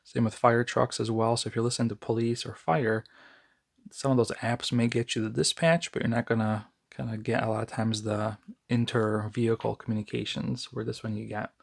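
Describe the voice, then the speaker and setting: This American man reviews a product casually and without a script, talking conversationally but somewhat haltingly. His gravelly, husky voice sits mid-range, and his delivery is flat.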